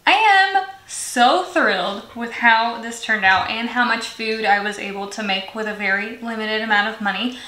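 A young woman with a fairly high, sharp voice hosts a cooking video from her home kitchen, walking through each step in a friendly, chatty manner at a moderate pace with few pauses. The kitchen sounds echoey, and a sizzling pan along with frying and stirring noises fills the background.

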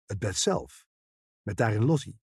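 Male audiobook reader, husky, animated, dry. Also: fairly low pitch, measured pace, no echo. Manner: expressive, voicing every character. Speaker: audiobook narrator. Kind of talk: scripted audiobook narration.

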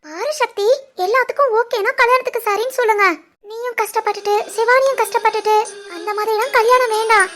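A woman voicing a gentle, caring young daughter-in-law in an animated family story. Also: very high voice, quick pace, a crowd in the background.

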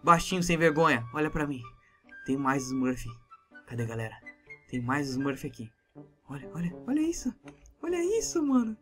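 Excitable male gamer, Brazilian Portuguese accent, lively swooping delivery, bright tone, light music under him. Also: a little high, normal speed, long pauses. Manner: excitable, exclamatory, jumpy. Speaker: gamer YouTuber. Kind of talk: Minecraft let's-play role-play.

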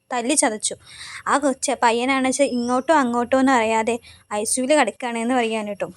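Fast-talking woman recapping a serial. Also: on the high side. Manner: chatty retelling, quoting characters, frequent tag "kettō". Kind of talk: casual spoken recap of a TV serial.

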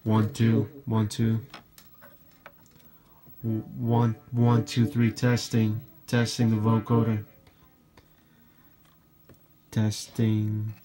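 Here a vocoder turns the voice robotic and its sex is hard to tell. It says mic-check test lines again and again to demo a synthesizer, monotone and mid-range, drawing words out and pausing often. Synth tones sit over the voice while a keyboard plays behind it.

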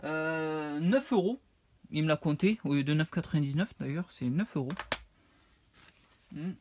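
A man's voice: fairly high pitch, a little slow, darkish tone, slight background noise. A man, casually showing off his retro game purchases, rambling and hesitant as he reads out prices. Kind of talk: casual unboxing vlog.

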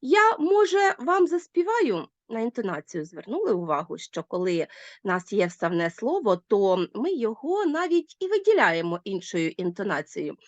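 A woman teacher giving a recorded video lesson to schoolchildren, with emphatic, lively teacherly intonation as she addresses her pupils. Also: mid-range voice, moderate pace, no room sound, lo-fi sound.

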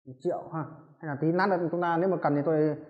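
A man with a Vietnamese accent teaching a Japanese lesson, rambling through explanations and slowly drilling numbers aloud. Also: on the high side, steady tone. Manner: rambling, self-correcting explanations, slow drawn-out drilling of numbers. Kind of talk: recorded classroom-style lesson. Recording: roomy, muffled home recording.

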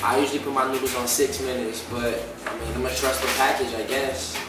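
A man in his twenties chatting casually in street slang to camera, hosting a food challenge vlog in an animated, exclaiming way. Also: mid-range voice, fairly quick, recorded from a distance, very noisy. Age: 20s. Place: home kitchen, indoors. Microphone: camera a few feet away. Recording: very echoey room, off mic, music behind. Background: music.

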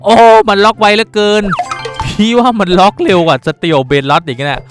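A young man narrates his gameplay with a high, lively voice, teasing the other players and bursting into excited yells. Light background music plays quietly under his commentary. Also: normal speed. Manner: playful, teasing, shouting bursts. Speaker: gaming YouTuber. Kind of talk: excited Let's Play commentary.

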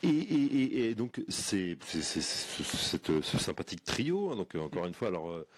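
A man's voice: low-pitched, sing-song, moderate pace. A man hosting a podcast, asking questions and joking casually with his guest. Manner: jokey, prompting questions. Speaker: podcast host. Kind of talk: casual interview chat.

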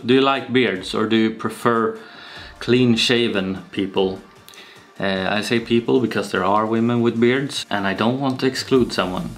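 A young man with a Swedish accent, talking slowly and casually to camera in a home vlog, with many pauses and fillers. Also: mid-range voice. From Sweden. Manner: slow and relaxed, with frequent pauses and fillers. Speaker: YouTuber. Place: small home room with shelves, indoors. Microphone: camera-mounted shotgun mic.

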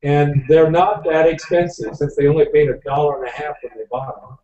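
With noise in the background, a slightly high-voiced older man talks fairly quickly, chatting at length with lots of fillers as he hosts a live wine tasting. He owns the winery and joins by video call from a home office, his distant webcam giving dull, echoey audio.

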